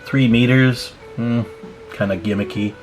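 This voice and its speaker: A man with a mid-range voice hosts a tutorial video on radio repair, working hands-on and thinking aloud in a relaxed, folksy way. His intonation is fairly even and his pace measured, with soft music playing in the background. He is a hobbyist fixing radios.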